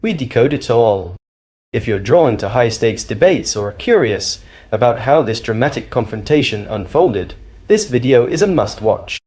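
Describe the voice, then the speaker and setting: A man reads a scripted commentary voice-over in a declamatory, opinionated way. His delivery is animated, rising and falling throughout. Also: medium pitch, moderate pace. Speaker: commentary narrator.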